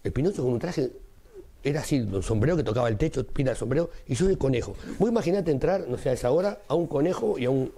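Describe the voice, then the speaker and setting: A man's voice: mid-range voice, fast talker. A man with a Rioplatense Spanish accent, a carnival performer telling an anecdote as an interview guest and acting out each line of dialogue in changing voices. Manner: lively storyteller, acts out dialogue in shifting voices.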